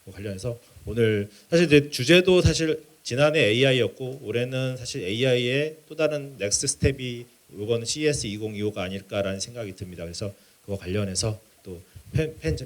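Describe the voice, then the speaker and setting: A man's voice: mid-range voice, animated, fairly quick. A man introduces a speaker as an event host, formal and polite, feeling his way through long sentences.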